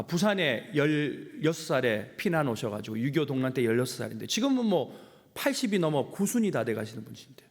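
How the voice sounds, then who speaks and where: A middle-aged male pastor preaching a sermon, telling a personal story with humor and emotion. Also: a little high. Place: church sanctuary. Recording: long hall reverb.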